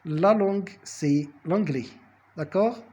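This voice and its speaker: A man teaching a French lesson, speaking deliberately, repeating words and correcting himself with fillers. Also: sits high, mellow, muffled recording. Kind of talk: language lesson.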